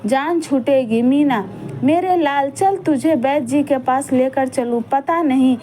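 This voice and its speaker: A woman's voice: high voice, measured pace, mellow, a little hiss or hum. A woman voicing a harsh, cruel village stepmother who scolds and sneers at her stepchildren. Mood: scolding.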